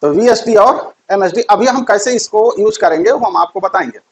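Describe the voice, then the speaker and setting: Man, teacher, high voice, quizzing style, stretched-out key words. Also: brisk, poor audio. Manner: repeats key terms, asks quiz questions. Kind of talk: classroom physics lesson.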